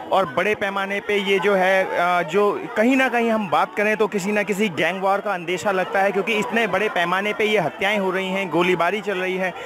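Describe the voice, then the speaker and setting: Young guy, high voice, live street news reporter, noisy outdoor background. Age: young adult. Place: outdoors in residential lanes and street. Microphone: handheld reporter microphone.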